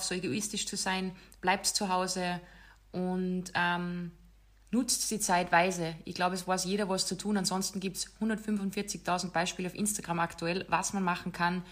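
A woman's voice: on the low side, level tone, normal speed. A woman hosting a casual podcast chat, talking in an emphatic, direct way. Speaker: podcast host.

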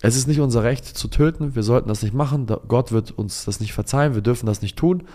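A man voicing a patient, devout merchant father who speaks gently in a told story. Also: medium pitch, fast, close to an everyday voice. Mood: calm. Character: calm, pious older merchant and father.

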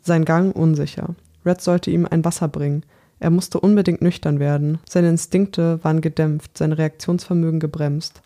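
Measured, dark-toned thriller narrator. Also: mid-range voice, fairly even intonation. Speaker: audiobook reader. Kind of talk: audiobook reading of a thriller.

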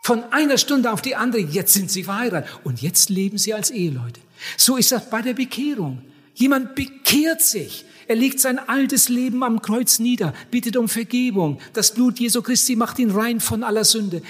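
A man preaching a sermon in an earnest, emphatic way, addressing his listeners warmly as dear ones. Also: extremely high pitch, animated, normal speed, breathy edge. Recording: long hall reverb.

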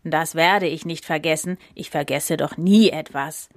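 A woman voicing a haughty, self-proud male elephant in a storybook reading, with a lowered, self-satisfied voice. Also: a little slow, dry recording.

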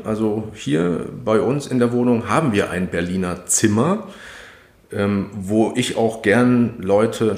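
A man co-hosting a podcast, talking casually in an interview, with hesitant pauses and fillers. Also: fairly low pitch. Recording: roomy echo.

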